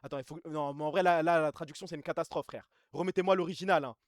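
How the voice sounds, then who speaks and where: A man streaming live, reading out reviews and news and answering his chat in quick, slangy speech. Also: a little high, steady tone, no echo, clean studio sound. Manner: fast, slangy, reacts to chat. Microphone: streaming mic, gain adjusted mid-stream.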